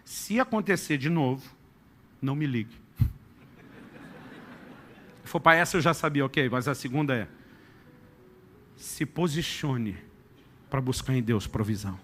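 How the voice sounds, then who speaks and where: A middle-aged man preaching a sermon, telling a family story with acted-out dialogue and shifts to a soft, intimate tone. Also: medium pitch, measured pace, long pauses, slight background noise. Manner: animated storyteller acting out dialogue, dropping to soft intimate tones. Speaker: pastor.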